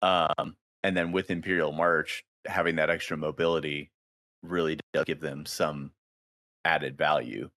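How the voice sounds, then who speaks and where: A man with a very low voice, co-hosting a laid-back hobby podcast. He talks hesitantly and often repeats words before he settles on a thought. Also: fairly even intonation, a little slow, sharp tone. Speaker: podcast co-host. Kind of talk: casual hobby podcast chat.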